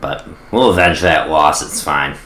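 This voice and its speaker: A man's voice: extremely low pitch, measured pace, fairly bright tone, reverberant. A young man casually commentating his gameplay on stream, rambling and self-deprecating. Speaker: gaming streamer.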